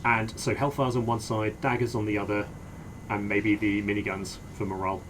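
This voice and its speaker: A man playing a helicopter pilot in a military game, speaking in measured, understated phrases that switch between casual chat and radio procedure. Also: lowish voice, flat delivery, low-quality recording. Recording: loud helicopter noise behind voice.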